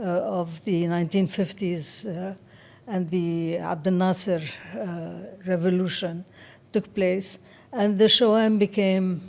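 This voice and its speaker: Older woman with a warm, mellow voice. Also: lowish voice. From Egypt. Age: around 70. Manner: measured and thoughtful, often pausing to find words. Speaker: interview guest, writer. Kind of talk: reflective interview talk.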